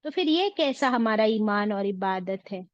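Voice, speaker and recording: A woman's voice: medium pitch, lively intonation, measured pace, no echo, dull audio. A woman teaching an online religious class, asking her students questions and mixing in English phrases. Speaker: Quran teacher.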